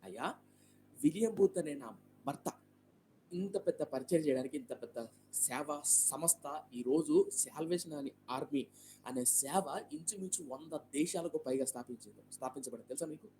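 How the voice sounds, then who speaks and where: A man voicing an elderly widow who calmly explains her husband's work. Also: on the high side, moderate pace, slight background noise, natural voice, poor audio.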